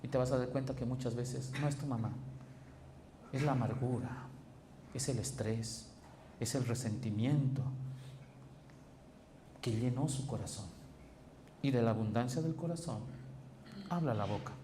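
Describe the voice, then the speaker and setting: Male pastor, emphatic sermon delivery, warm mellow tone, roomy church sound. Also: a little slow, pauses often. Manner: emphatic preaching with big pitch swings and quoted dialogue. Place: church sanctuary. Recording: echoey church hall with faint noise.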